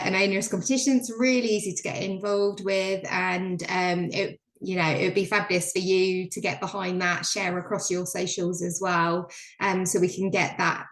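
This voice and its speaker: A woman's voice: medium pitch, echoey room. A woman giving a chatty, filler-heavy business update on a video call. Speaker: presenter on a member call.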